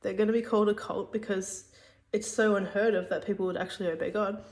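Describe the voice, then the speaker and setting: A woman's voice: medium pitch, steady tone, fast talker, darkish tone. A woman giving a casual spoken religious teaching, hesitant, with many fillers and restarts.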